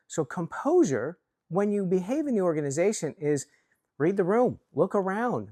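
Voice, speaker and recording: Lively earnest man coaching on leadership. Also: a little high, dry recording, studio quality. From Chicago. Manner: earnest, lively, self-reflective, with restarts. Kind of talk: talk to camera on workplace leadership.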